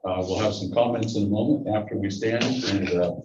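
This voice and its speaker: A man in a face mask runs the agenda of a public board meeting, adding dry asides, his voice muffled and lowish. He talks a little fast. Captured from a distance in a meeting room, the recording is very noisy, dull and echoey.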